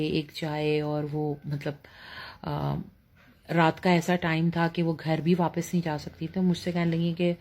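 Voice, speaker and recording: A woman's voice: lowish voice, a little mellow. A middle-aged woman with a Pakistani Urdu accent telling a personal ghost story casually, with many fillers, acting out her mother's words.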